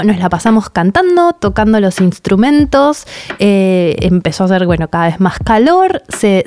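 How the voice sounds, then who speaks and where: A woman, telling a personal story in a casual, animated way and laughing often as she talks. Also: mid-range voice, slight background noise.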